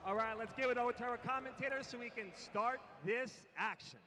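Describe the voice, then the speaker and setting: A man's voice: extremely high pitch, a little fast, slight background noise. A man announcing on stage at a live event, hyping up the crowd. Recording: loud music behind live stage announcing. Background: music.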